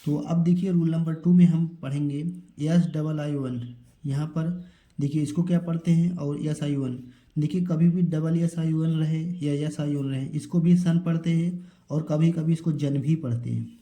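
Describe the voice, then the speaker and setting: A man teaching English pronunciation, slowly spelling out each word letter by letter and answering his own questions. His voice is fairly high-pitched but very dark and mellow. The sound is echoey, as if recorded in a bare room. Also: steady tone. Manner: slow, drawn-out spelling of words letter by letter; asks a question, then answers it himself. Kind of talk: spoken English pronunciation lesson.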